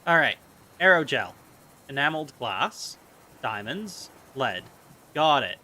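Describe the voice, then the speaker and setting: Bright, lively man narrating gameplay. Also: medium pitch, slow. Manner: chatty, self-mocking, thinks aloud. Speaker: gaming video host. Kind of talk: casual gameplay commentary.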